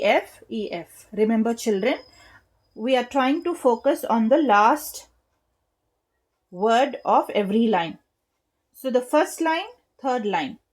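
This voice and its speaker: A young woman giving an English lesson at an unhurried, careful pace. Her voice sits a little high. She explains patiently, repeating and clapping out points for her students. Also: a little mellow. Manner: slow, patient, spells out rhyme letters and claps rhythm. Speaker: English literature teacher.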